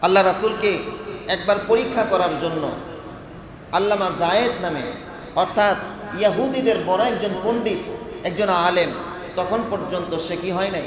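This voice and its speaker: A man's voice: high-pitched, moderate pace, long pauses. A man preaching a sermon, telling a story with dramatic acted-out dialogue. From Bangladesh. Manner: dramatic storytelling, acting out quoted dialogue with swelling intensity. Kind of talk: Bangla waz sermon storytelling. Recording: echoey hall with crowd behind.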